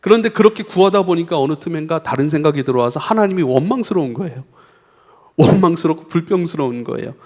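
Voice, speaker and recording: A male pastor delivering a sermon in a church sanctuary. His voice sits fairly high, and he shifts between easy conversational explanation and loud, pleading prayer lines. Long hall reverb trails every phrase. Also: lively intonation, fast. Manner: conversational preaching, acting out pleading prayers with rising intensity.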